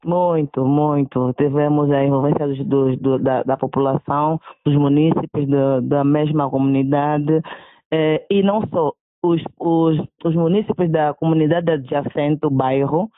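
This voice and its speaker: A woman's voice: deep voice, steady tone, a little slow, dry recording. Woman doctor on a tinny line. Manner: repetitive, stacking lists. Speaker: doctor and organizer of the health project. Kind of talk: event summary in a report. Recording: tinny phone-like sound.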